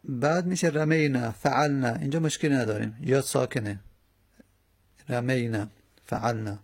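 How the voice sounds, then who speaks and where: A man's voice: medium pitch, steady tone, slightly rough. A man teaching an Arabic morphology lesson, carefully working through verb forms and repeating each one aloud.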